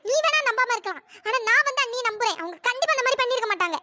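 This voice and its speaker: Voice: very high voice, expressive, rapid-fire, bright, forceful tone, slight background noise, full character voice. A performer voicing an earnest young sister-in-law in a cartoon story who insists on defending the wife. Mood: earnest insistent.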